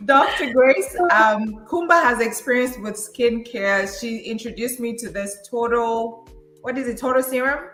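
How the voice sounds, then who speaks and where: A woman's voice: fairly high pitch, measured pace, a bit bright. A woman in her forties sits on a casual talk-show panel, talking in an agreeable, reflective way. Her voice has a roomy echo around it, and faint music plays underneath. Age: 40s. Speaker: panel co-host.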